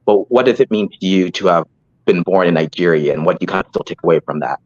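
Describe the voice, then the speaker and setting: A man's voice: low-pitched, fast. A man hosting an interview, asking open questions and giving brief encouraging responses. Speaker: interview host. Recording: dull lo-fi sound.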